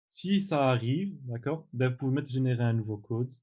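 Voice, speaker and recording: A man teaching in a relaxed tutorial, demonstrating software step by step with frequent fillers and self-corrections. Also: medium pitch, normal speed, dull audio. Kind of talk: screen-recorded tutorial.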